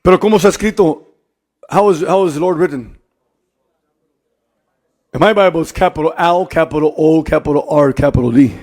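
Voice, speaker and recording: A man preaching a bilingual sermon as pastor, repeating phrases and rising to emphatic shouts. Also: fairly high pitch, moderate pace, pauses often.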